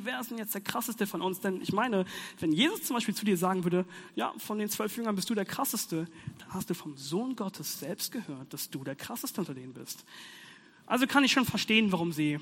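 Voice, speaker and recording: A young man delivers a laid-back sermon in youth slang, animated, joking with his listeners. His voice sits high for a man. The sound rings with a long hall reverb. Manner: slangy, animated, playful asides. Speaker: youth preacher. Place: hall with audience.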